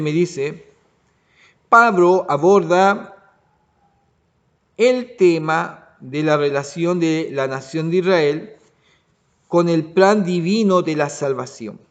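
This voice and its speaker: A man teaching a Bible lesson as pastor, often pausing to check the congregation understands. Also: a little high, expressive. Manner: restarts and asks "¿ya?" to check understanding. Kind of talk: Bible study sermon.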